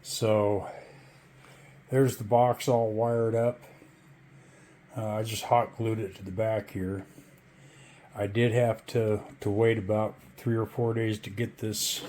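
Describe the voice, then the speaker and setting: Casual man with a lowish voice, faint noise. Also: mellow. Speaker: DIY tutorial host. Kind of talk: casual show-and-tell tutorial.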